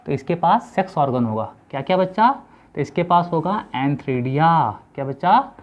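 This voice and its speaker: A man teaching biology to students, asking questions and repeating key terms slowly for them to remember. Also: a little high, very animated. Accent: Hindi-English code-switching. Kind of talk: classroom lecture. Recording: tinny phone-like lo-fi audio.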